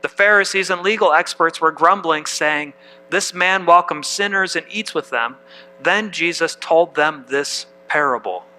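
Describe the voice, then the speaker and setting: A man's voice: a little high, measured pace, pushed and bright, low-quality recording. A man preaching a sermon as pastor, reading scripture aloud and putting questions to the congregation.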